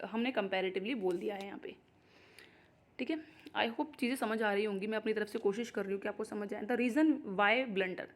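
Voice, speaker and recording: A young Indian woman teaching an exam-prep grammar lesson, explaining step by step and often checking in with "okay". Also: fairly high pitch. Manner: explanatory, repeats "ठीक है" to check understanding. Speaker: English teacher.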